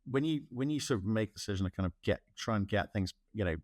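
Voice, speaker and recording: A man's voice: lowish voice, animated, quick pace, no room sound, studio quality. A man hosting an interview, chatty, asking rambling questions with restarts. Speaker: interview host. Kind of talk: casual interview talk.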